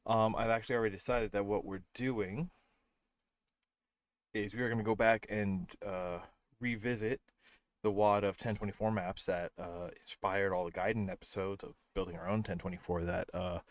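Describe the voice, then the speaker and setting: A man's voice: fairly low pitch, fairly even intonation, moderate pace, dry recording. A tired man hosting a casual game stream from home, rambling with lots of fillers and sounding a bit out of breath. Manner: rambling, self-deprecating, many fillers. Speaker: streamer host. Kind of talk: casual livestream chat.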